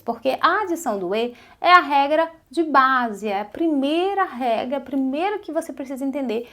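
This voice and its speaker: Woman teaching French, slightly high voice. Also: fairly bright tone. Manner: slow, carefully repeated French examples between casual Portuguese explanations. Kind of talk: online language lesson.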